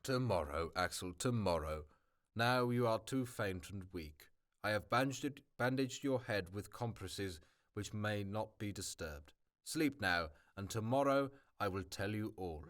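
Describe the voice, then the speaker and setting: A man reading aloud as a brisk, cheerful older male professor, stumbling over words now and then. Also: fairly low pitch, lively intonation, a bit bright. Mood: firm. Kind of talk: amateur audiobook reading.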